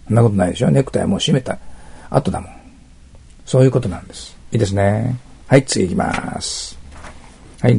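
Man, English teacher, test-prep lesson, rough gravelly voice, very husky, explains step by step. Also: lowish voice, mellow. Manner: explains step by step with frequent checking tags; reads English test sentences slowly.

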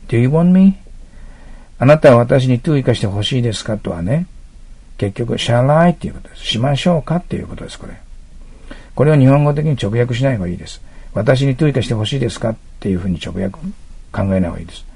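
In a lecture going over English listening test answers, a man explains each one with frequent little check-ins to his listeners and reads the English lines slowly in a Japanese accent. His voice is medium-pitched, a little mellow and husky, with lively intonation, captured in a dry recording.

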